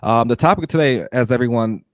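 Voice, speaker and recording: A man's voice: mid-range voice, brisk, dry recording, clean studio sound. A man co-hosting a podcast over a group video call, chatting casually in a loose, rambling way with many fillers and restarts. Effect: heard over a group video call. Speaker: podcast co-host. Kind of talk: casual chat.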